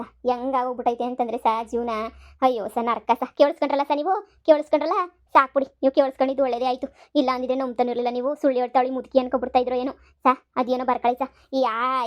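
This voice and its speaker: A woman's voice: sits high, highs cut off, natural voice. A woman doing a wailing village grandmother. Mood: complaining. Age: over 60 (figure). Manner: wailing, pleading, repeats "sir" constantly. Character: elderly grandmother, scheming and melodramatic. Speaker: complainant at a police station. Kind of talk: cartoon comedy voice acting.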